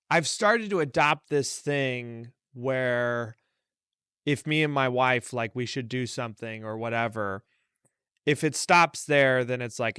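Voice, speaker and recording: A man's voice: mid-range voice, a bit bright, clear, resonant tone, dry recording, clean studio sound. A man born in Turkey, hosting a podcast and asking loose, rambling questions. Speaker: podcast host. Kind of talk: casual interview conversation.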